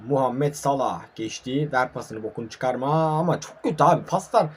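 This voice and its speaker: A young man commentates live on his own online football match, frustrated and swearing while talking to himself and his viewers. His mid-range voice is expressive at a moderate pace, with slight background noise.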